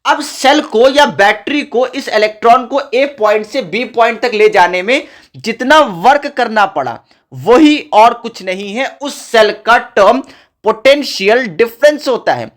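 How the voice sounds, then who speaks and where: A man's voice: very high voice, animated, unhurried, a bit bright. A man teaching a school physics lesson in a casual, chatty way, talking to his students like friends and mixing in English terms. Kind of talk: casual classroom explanation.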